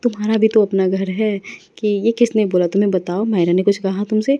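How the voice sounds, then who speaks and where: A woman voicing a concerned older mother-in-law who questions and gently scolds. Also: medium pitch, level tone, brisk, lo-fi sound, lightly acted.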